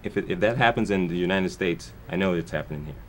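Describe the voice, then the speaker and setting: A very low-voiced man from Guyana answers questions as a guest on a morning television show. He talks earnestly in long, winding sentences, often restarting them mid-thought. A faint hiss sits under the voice. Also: fast talker, fairly bright tone. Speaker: guest, foundation founder. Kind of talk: television interview.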